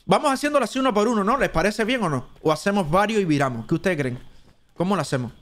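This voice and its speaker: Cuban man streaming gameplay, talkative and thinking aloud, voice sitting a bit high. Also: lively intonation, fast talker, fairly bright tone. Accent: Cuban Spanish. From Cuba. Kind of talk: live gameplay commentary.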